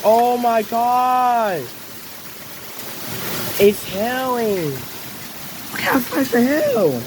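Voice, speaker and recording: A man giving excited, amazed, repetitive commentary as he calls out in a hailstorm on a handheld camera. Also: very high-pitched, extremely slow. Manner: calling out in a hailstorm. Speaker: vlogger filming a storm. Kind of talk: casual excited running commentary. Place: at home by an open door in a storm. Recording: noisy storm, wind and rain. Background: wind, rain and hail.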